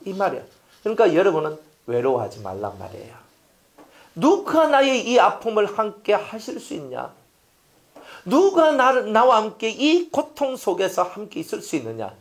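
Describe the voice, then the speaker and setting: Man, pastor, sermon, animated pitch, emphatic, rhetorical questions, loud-to-whisper swings. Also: normal speed. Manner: emphatic preaching that swings between loud appeals and near-whispers; repetitive, rhetorical questions to the congregation.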